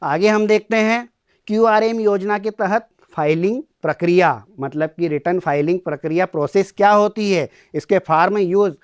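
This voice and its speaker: A male college lecturer, speaking in a fairly high voice. He walks through the material step by step, repeating key terms and posing questions he then answers himself. The sound is dry and close. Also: steady tone, normal speed, clean tone, no echo. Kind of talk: classroom lecture on tax returns.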